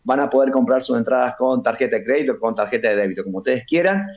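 A middle-aged Argentine man who works as a puppeteer and cultural manager chats enthusiastically as a TV interview guest, promoting a festival. He speaks Argentine Spanish quickly in a mid-range voice, and the recording sounds muffled.

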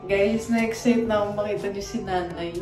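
A woman's voice: medium pitch, fairly even intonation, normal speed. A woman of twenty-one chatting casually to her vlog audience in a playful, teasing way, recorded on a phone held at arm's length indoors. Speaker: vlogger. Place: small tiled restroom, dental clinic and mall indoors. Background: background music.

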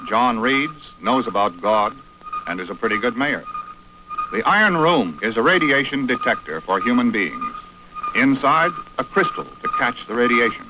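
A man's voice: mid-range voice, huge pitch swings, moderate pace, background noise. A man narrating a 1950s newsreel in a declamatory announcer style, played from an old newsreel. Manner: declamatory, sweeping announcer delivery.

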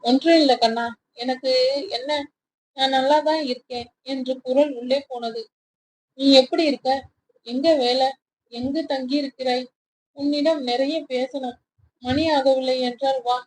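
A woman's voice: high voice, steady tone, unhurried, pauses often, darkish tone, rough recording. A woman voicing a fond, doting older aunt who speaks affectionately.

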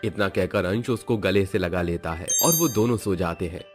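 A man narrating an animated family story in a steady storytelling manner. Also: low-pitched, moderate pace, over music.

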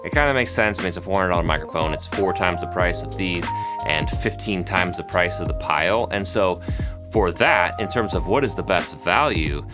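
There's music in the background as a man in his thirties, his low-pitched voice nasal and expressive, talks at a normal speed. Hosting a microphone-testing video in a small home studio, he chats casually to camera about gear with frequent fillers, close to the studio microphones in front of him.

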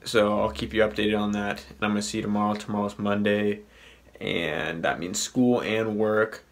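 A man's voice: fairly low pitch, level tone, moderate pace. A young man chatting easygoingly into a phone held at arm's length for his vlog. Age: young adult. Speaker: vlog channel member. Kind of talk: casual vlog.

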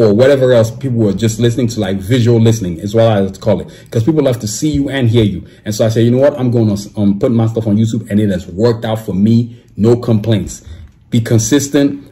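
The voice is a man's, medium in pitch and dark in tone. He's in his thirties, hosting his own podcast from a desk in a small room and reading sponsor messages with a relaxed, slangy manner full of "you know what I'm saying."

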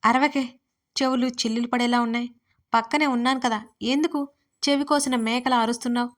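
A woman voicing a sharp-tongued middle-aged mother who scolds her grown daughter nonstop, in a storybook reading. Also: a little high, steady tone, fairly quick, natural voice. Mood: scolding.

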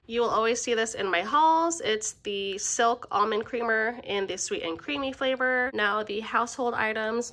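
A woman in her thirties, a little under the weather, casually chatting at home as she shows off her groceries, with relaxed, friendly talk full of ums. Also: on the high side. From Filipino family. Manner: relaxed, friendly, frequent "um" fillers. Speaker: vlogger showing a grocery haul. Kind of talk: casual chatty haul commentary. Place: home kitchen table.

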